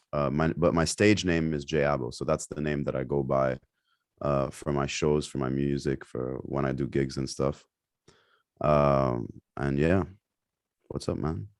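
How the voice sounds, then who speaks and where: Very deep-voiced young man from Lebanon. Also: smooth, dry recording, studio quality. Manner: rambling, many fillers and restarts. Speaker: podcast guest, singer. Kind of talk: casual interview chat.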